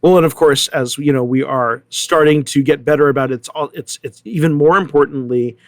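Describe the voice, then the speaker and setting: A theater artistic director from San Diego, this middle-aged American man is a casual interview guest who rambles through animated stories, hesitating and correcting himself a lot. His voice is fairly high and a little fast, with no room sound.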